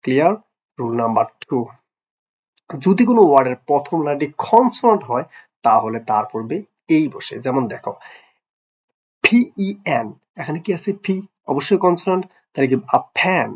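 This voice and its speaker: A man's voice: a little high, big pitch swings, moderate pace, pauses often. Bengali man teaching, dull lo-fi sound. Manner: repeats "clear?" and quizzes the listener; affectionate, teasing address to pupils. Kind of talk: classroom grammar lesson. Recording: dull lo-fi recording.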